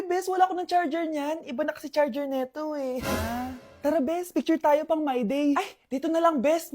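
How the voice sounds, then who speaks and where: High-voiced woman acting out comedy skits. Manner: exaggerated, animated, many shouted lines. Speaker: comedy sketch performer. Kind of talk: skits playing mother and child.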